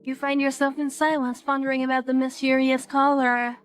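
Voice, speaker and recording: A woman streaming a video game, reading its text aloud in an even, measured way with brief comments of her own. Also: sits high, clean tone, faint music behind. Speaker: let's play streamer.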